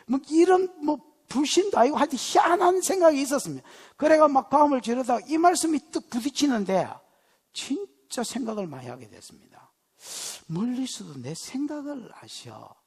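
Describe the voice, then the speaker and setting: A man's voice: very high-pitched, brisk. A middle-aged male pastor with a Gyeongsang dialect, preaching a sermon and telling personal stories with jokes aimed at the congregation. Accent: Gyeongsang Korean dialect. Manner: animated, joking storyteller who teases the congregation. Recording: long church hall reverb.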